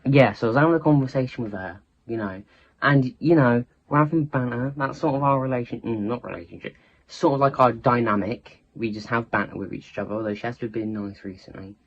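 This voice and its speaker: A man's voice: medium pitch, a little fast, highs cut off, a little hiss or hum. A teenage boy, telling a rambling storytime story in casual chat and often cutting himself off. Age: teens. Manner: rambling, self-interrupting, chatty.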